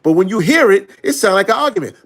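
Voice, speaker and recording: Lively, animated man telling a story. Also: sits high. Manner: animated, acts out quoted conversations, frequent "you know what I'm saying". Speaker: vlogger. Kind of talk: casual storytelling monologue.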